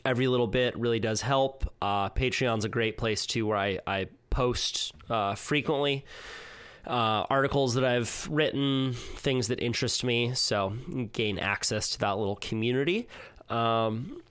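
A man's voice: medium pitch, a little slow, a bit bright, smooth, dry recording. A man hosting his podcast talks through the show's intro in a loose, casual way, with many fillers and some swearing. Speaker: podcast host. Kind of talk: solo podcast intro monologue.

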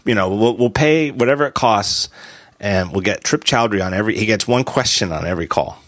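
A man hosting a casual tech podcast, animated and quick to laugh as he spins out hypotheticals. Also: on the low side, no echo, clean studio sound. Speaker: podcast host.

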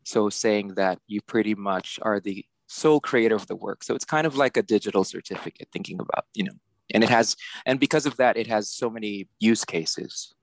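A man's voice: fairly low pitch, a little fast, no echo. A middle-aged man from the Philippines, a guest artist, explaining things in a chatty way with many fillers. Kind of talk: casual interview.

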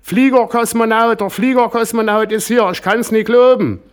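A man's voice: steady tone, moderate pace, smooth. Man doing a shrieking starstruck teen girl. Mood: ecstatic. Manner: shrill, screeching.

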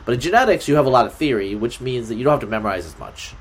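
A man's voice: medium pitch, rapid-fire, slightly rough. A man as a podcast guest, talking in a loose, rambling way with lots of fillers. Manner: rambling, filler-heavy, lively. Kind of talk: casual conversation.

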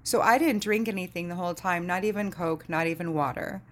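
A woman's voice: on the low side, fairly quick. Sardonic woman telling a story. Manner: sardonic, animated, laughs often, swears freely. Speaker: podcast host. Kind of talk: casual storytelling monologue.

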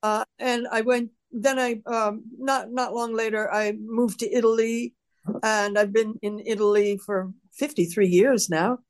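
A woman's voice: fairly high pitch, steady tone, unhurried. Self-deprecating woman in her eighties. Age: 80s. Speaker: guest panelist. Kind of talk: casual self-introduction.

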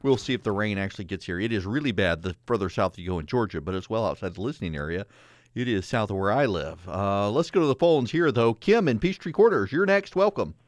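A man's voice: lowish voice, lively intonation, fast talker, no echo. A man hosting a radio talk show, speaking conversationally and emphatically, with slightly hissing s sounds. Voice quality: slightly hissing, sibilant s from dental braces. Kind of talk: conversational monologue and sponsor read.

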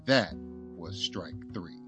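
A man hosting and narrating a scripted story in a measured storytelling manner. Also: deep voice, animated, over music. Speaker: host and narrator.

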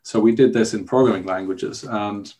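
A man's voice: lowish voice, steady tone, normal speed, warm tone. A middle-aged man from Ireland with an Irish accent, a guest in a casual interview, explaining his past at length with frequent restarts.

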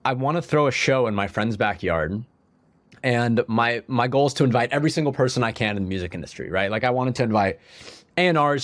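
Guesting on a podcast, this young musician has a lowish voice recorded with no echo. He wanders through his story casually, leaning hard on "like" and often starting sentences over, and he sounds slightly stuffed up from a cold.

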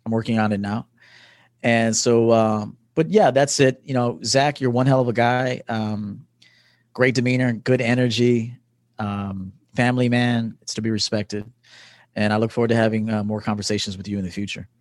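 This podcast guest, a men's coach in his early forties, has a mid-range voice with a steady tone and a moderate pace. He speaks casually and with emphasis in a conversational interview. The sound is studio quality, with no echo.

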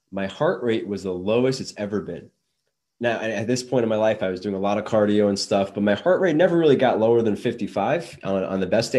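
A man's voice: on the low side, darkish tone. A young adult man talking casually on his own show, rambling with many restarts and fillers. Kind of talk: casual solo talk.

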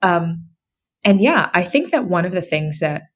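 A woman with a distinctly low, calming voice. She speaks as an author being interviewed on a podcast, explaining her points in an informal, conversational way. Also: a little slow.

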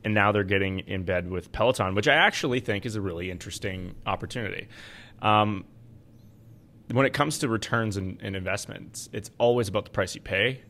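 A man's voice: on the low side, brisk, bright, forceful tone. A man co-hosting a podcast, talking casually about finance as an investment adviser.

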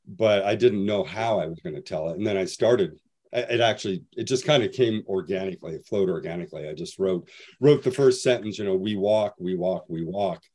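A man's voice: deep voice, fairly quick, a little mellow. Rambling man, guest author on a panel. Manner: rambling, many restarts and "you know". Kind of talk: casual panel chat.

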